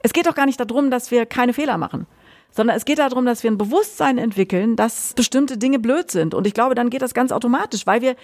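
Outspoken woman in animated conversation. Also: fairly high pitch, fast. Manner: outspoken, animated, frequent restarts. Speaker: guest, author. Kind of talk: conversational discussion.

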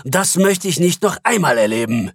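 A harsh, irritable bank boss, voiced by a man who snaps out curt, scornful remarks. His voice is husky, and its pitch moves lively. The recording is dry and close. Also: moderate pace, no room sound, full character voice.

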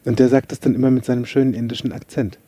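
In a dry, echo-free recording, a male podcast host and coach races through a laid-back motivational monologue. His medium-pitched voice is dark and husky with fairly even intonation, and he's talkative and self-deprecating as he mixes a story with motivational advice.

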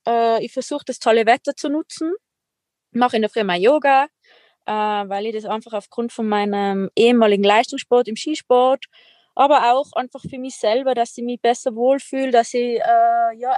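Fairly high-pitched and a little mellow, this young Tyrolean woman speaks with no echo around her. She is an extreme athlete and entrepreneur appearing as a podcast guest, keeping the interview casual and upbeat with plenty of small fillers and laughter.

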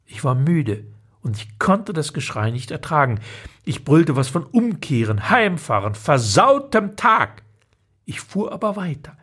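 A husky man reads his own humorous column aloud with a pitch that rises and falls a lot. His telling is dry and ironic, and he slips into the voices of the people he quotes. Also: very animated, moderate pace, a bit bright. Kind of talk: expressive reading of a humorous column.

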